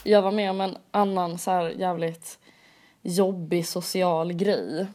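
A woman's voice: on the low side, steady tone, mellow, faint music behind. A young woman co-hosting a podcast, telling stories in casual chat with lots of filler words. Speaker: podcast co-host.

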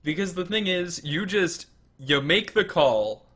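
A man's voice: high-pitched, animated, measured pace, fairly bright tone. A man who coaches an esports team, chatting casually on a podcast, sarcastic and swearing freely. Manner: sarcastic, swears, laughs often.

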